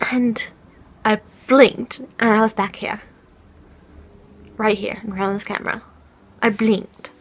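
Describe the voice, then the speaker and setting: Young woman plays a scared vlogger haunted by falling dreams, whispery and halting, highish voice, camera mic at home. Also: breathy edge, poor audio. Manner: hushed, halting, often whispering. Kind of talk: in-character fan fiction vlog.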